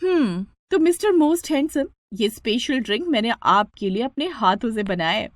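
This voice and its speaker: A woman's voice: on the high side, expressive, normal speed, no echo, studio quality, natural voice. A woman voicing a vain, lovestruck young woman in a storybook cartoon, petulant and coquettish. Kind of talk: storybook narration.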